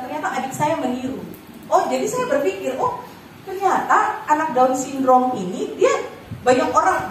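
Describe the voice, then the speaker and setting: A woman speaks to a room of parents in a relaxed, chatty way, her voice a little high for a woman. She sounds distant from the microphone, with strong echo and steady background noise. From Batak. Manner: conversational, acts out quoted mother. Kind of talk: informal workshop talk. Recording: echoey room, far from mic, noisy.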